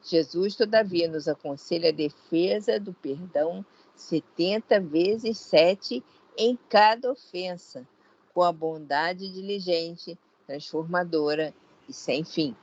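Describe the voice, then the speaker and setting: Slow, measured Brazilian woman reading aloud. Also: fairly low pitch, a little mellow, highs cut off. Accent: Brazilian Portuguese. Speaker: study group reader.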